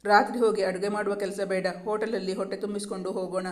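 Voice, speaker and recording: A narrator voicing a gentle young male doctor. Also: high voice, flat delivery, fast, close to an everyday voice. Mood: ordering food. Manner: soothing, coaxing.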